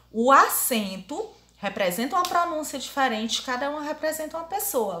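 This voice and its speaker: A fairly high, bright-voiced woman teaches young children a grammar lesson. She has a Brazilian accent and repeats each example word slowly and clearly. Her voice rings around an echoey room. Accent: Brazilian Portuguese. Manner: drills words aloud, repeating them slowly. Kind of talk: primary school grammar lesson.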